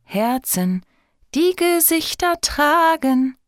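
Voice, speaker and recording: A woman's voice: fairly low pitch, very animated, slow pace, no room sound, studio quality, full character voice. A woman voicing a kind, curious star fairy who talks in a friendly, coaxing way. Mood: delighted.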